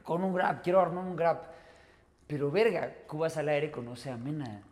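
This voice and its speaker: Slangy Mexican podcast host. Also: male voice, a little high, normal speed, a little mellow. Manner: slangy, swears, laughs easily. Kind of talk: casual podcast chat. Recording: hall reverb.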